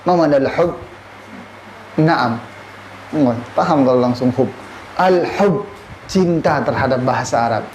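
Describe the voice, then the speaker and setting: A man in his thirties from Indonesia teaches a class, firing questions at his students and slipping Arabic phrases into his talk. His voice sits a little high. The room echoes noticeably, with a faint hum of noise behind him. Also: darkish tone. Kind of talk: classroom lesson.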